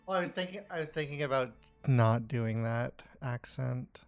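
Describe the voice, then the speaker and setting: Halting, creaky-voiced man at a gaming table. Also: medium pitch, expressive, soft background music. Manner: halting, fumbles for words. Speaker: tabletop game player. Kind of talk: casual in-game chat.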